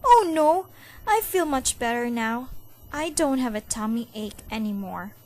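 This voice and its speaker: Woman playing a little boy, sulky, stubborn, whiny, high-pitched, storybook. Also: animated, unhurried, a little hiss or hum. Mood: grumpy. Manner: whiny, grumbling, insistent.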